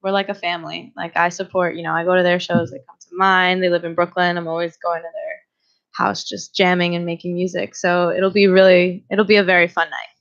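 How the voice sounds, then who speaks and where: A Greek-speaking woman in her twenties, a musician, guests on a radio show recorded in a small church studio, laughing often and saying um a lot in casual conversation. Her lowish voice is level, a little fast and has vocal fry. The sound is lo-fi and slightly dull.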